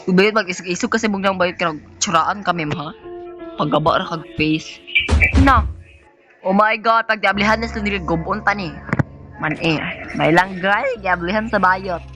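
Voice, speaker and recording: A man's voice: high voice, normal speed, music in the background. A man giving campy, sassy commentary on a horror game, breaking into sudden shrieks. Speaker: gaming streamer.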